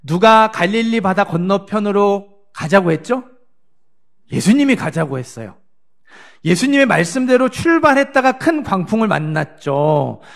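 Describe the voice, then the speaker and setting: High, gravelly-voiced male pastor preaching. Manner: asks the congregation questions and answers them himself; acts out the disciples' frantic words in a higher voice. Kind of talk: Sunday sermon. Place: church sanctuary.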